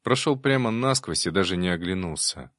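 A man narrating a fantasy novel in the first person, reading in an even, steady way. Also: low voice, fairly quick, dry recording, clean studio sound. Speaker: audiobook narrator.

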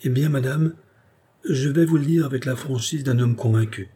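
A man reading aloud, voicing a grave royal counsellor who speaks in a measured, formal way. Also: mid-range voice, warm tone, slightly rough, pitched above the performer's own voice, natural voice. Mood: solemn. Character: grave older male royal counsellor, frank.

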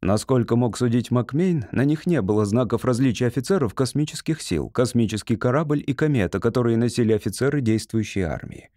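A man narrating an audiobook in an even, steady reading voice. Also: medium pitch, dry recording, clean studio sound. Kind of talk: scripted narration.

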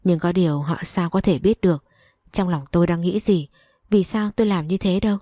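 A woman reads a first-person novel aloud with emotional, dramatic storytelling. Her voice is low and mellow. The recording is dry and close. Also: fairly even intonation, a little fast, no room sound. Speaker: audiobook reader.

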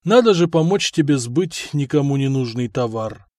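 Brash young warlord, calm and blunt, voiced by a male narrator. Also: mid-range voice, moderate pace, no room sound, clean studio sound, natural voice.

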